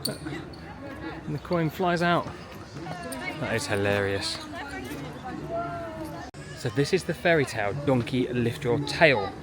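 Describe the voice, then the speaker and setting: On a family outing, a vlogging parent strolls through a theme park, now and then ducking inside small buildings, narrating casually. The medium-pitched voice is animated but slow, with frequent pauses. A noisy crowd, loud music and outdoor park sounds surround it.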